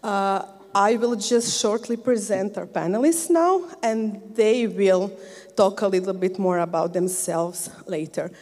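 Speaking a little slowly at medium pitch, this Croatian woman has a darkish tone as she moderates a live conference panel with a handheld mic. Her manner is friendly and talkative, punctuated by frequent "okay?" check-ins. The setting is a large sports hall, and its long reverb fills the audio.

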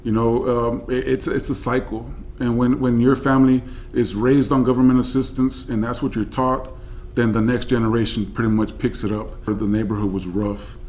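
A man in his forties, a senior supervisor, speaking in a measured, reflective way in a seated office interview. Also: mid-range voice, flat delivery, a little mellow, slight background noise. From United States. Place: office with flag and plant.

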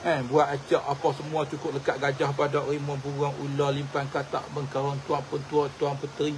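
A middle-aged man tells an old story, circling back over the same phrases and turning often to speak straight to his listeners. His voice sits a little high, and a faint hiss runs underneath it. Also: fairly quick. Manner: repetitive, animated storyteller addressing listeners as tuan-tuan. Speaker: religious teacher and traditional healer. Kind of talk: casual storytelling to viewers.

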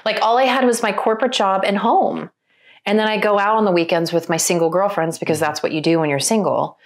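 A woman's voice: medium pitch, fairly quick. A woman guest on a podcast, a matchmaker, telling her own story in an earnest, reflective, flowing way. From Arizona, US. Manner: earnest, reflective, speaks in long flowing runs. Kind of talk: candid conversational storytelling. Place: podcast studio.

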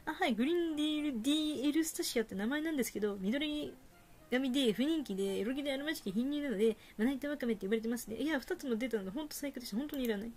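A woman's voice: sits high, rapid-fire, darkish tone. A woman voicing a blunt, tactless teenage otaku boy as she reads game dialogue aloud. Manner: cheerfully tactless, matter-of-fact.

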